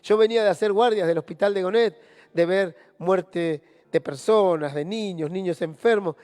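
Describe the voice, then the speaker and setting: A man with a Rioplatense Spanish accent leading a Bible study sermon, telling stories in an animated way. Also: high-pitched, moderate pace, in a large hall. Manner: animated storytelling, acting out quoted speakers.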